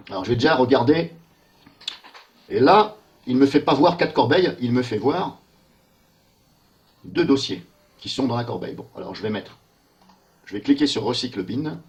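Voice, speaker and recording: A man narrating a screen-recorded software walkthrough, thinking aloud and muttering in puzzlement as he clicks through menus. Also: medium pitch. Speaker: software tester.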